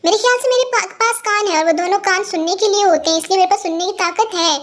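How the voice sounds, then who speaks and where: A woman's voice: very high-pitched, fast talker. A woman voicing a dry, sarcastic middle-aged father in a fan audio story.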